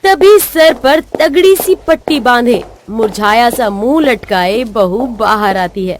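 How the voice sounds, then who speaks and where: High-voiced woman narrating a cartoon tale. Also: lively intonation, takes it slowly. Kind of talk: scripted storybook narration.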